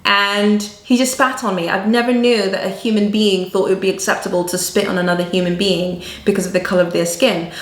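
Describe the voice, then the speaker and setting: A woman whose first language was not English, speaking English with an accent shaped by southern Africa and American teachers, telling a personal story in earnest, animated vlog style. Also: medium pitch, roomy sound. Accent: mixed African and American-learned English. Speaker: vlogger.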